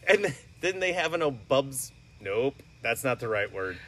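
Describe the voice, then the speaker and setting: A man's voice: medium pitch, very animated, moderate pace, sharp tone, recorded from a distance. A man co-hosting a casual podcast with friends, teasing and dry in his jokes, recorded outdoors by a pool. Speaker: podcast co-host. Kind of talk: casual chat among friends.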